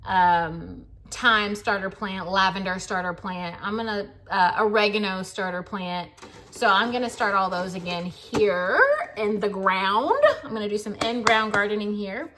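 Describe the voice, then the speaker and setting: A woman's voice: medium pitch, unhurried, pushed and bright, slight background noise. An American woman talking casually to camera as a gardening vlogger, chatty and rambling, with plenty of fillers.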